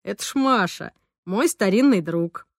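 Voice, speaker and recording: A woman voicing a good-natured teenage boy who speaks low and subdued. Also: expressive, measured pace, vocal fry, no room sound, clean studio sound. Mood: defensive.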